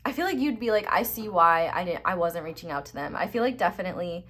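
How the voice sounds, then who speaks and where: A woman's voice: on the low side, lively intonation, fast talker, a bit bright. A young woman chatting casually through a tarot reading, filling her talk with "like" and "I feel like". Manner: chatty, many "like" and "I feel like" fillers. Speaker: tarot reader.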